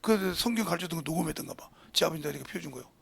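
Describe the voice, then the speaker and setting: A middle-aged man preaching a sermon as pastor, retelling conversations fervently and swinging between raised passages and hushed whispers. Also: on the high side, lively intonation, very fast, vocal fry, breathy edge. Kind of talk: sermon with retold dialogue. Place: church sanctuary.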